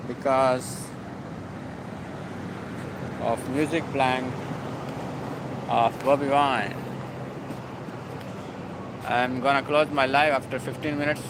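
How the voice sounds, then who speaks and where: A man's voice: medium pitch, background noise. A man hosting a casual live stream, talking in a rambling, emphatic and repetitive way. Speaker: livestream host.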